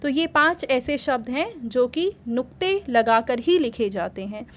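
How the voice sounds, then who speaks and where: A woman with a high voice teaches a worksheet lesson to young children. She goes patiently step by step and keeps asking her pupils simple questions as she explains. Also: expressive, a little slow. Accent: Hindi.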